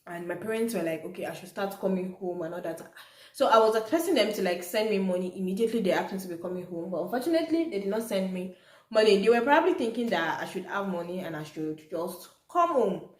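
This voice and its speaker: In an echoey room, a young Nigerian woman vlogs in a chatty, story-telling style for her viewers. Yoruba is her native language. Her mid-range voice is expressive and quick.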